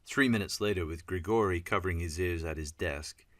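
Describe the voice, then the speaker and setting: A man reading an audiobook in a measured, wry scripted narration. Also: low-pitched, fairly bright tone, no echo.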